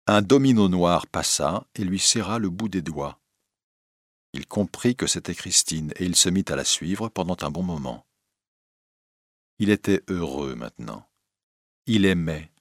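Male narrator, low-pitched, dry studio read, steady dramatic storytelling. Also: unhurried, pauses often, no room sound.

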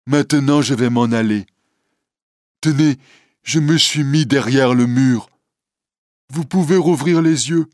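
A man voicing a gentle, devoted deaf hunchback in a storybook reading, earnest and pleading. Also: medium pitch, no echo, clean studio sound, pitched above the performer's own voice, lightly acted. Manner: earnest, pleading, raised and slow.

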